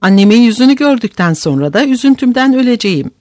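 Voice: medium pitch, big pitch swings, fast, a little mellow, no echo, clean studio sound, voice pushed up, close to an everyday voice. A narrator voicing a spoiled, proud young woman who is frightened and pleading, in an audiobook reading. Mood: anxious.

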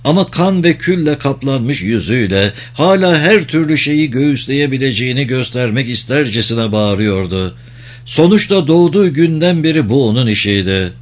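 A man reading a novel aloud as an audiobook narrator, in a measured, steady storytelling delivery. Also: medium pitch. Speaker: audiobook reader.

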